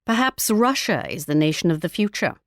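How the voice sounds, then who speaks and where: A woman's voice: lowish voice, lively intonation, a little fast, no room sound, studio quality, lightly acted. An actress playing a regal, wry English queen in a video game, with a British accent and a pompous, formal, archly polite delivery. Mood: grave, resigned. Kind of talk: theatrical video game character voice lines.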